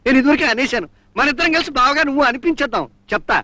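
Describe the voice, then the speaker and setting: A scheming, boastful father in an old film, with a very high, bouncing voice and a bright, tense tone. He talks fast and theatrically, with music under the dialogue of an old soundtrack. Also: animated, no echo, heavily acted. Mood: sly. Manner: theatrical, wheedling, repeats a pet word. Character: scheming boastful middle-aged father, comic.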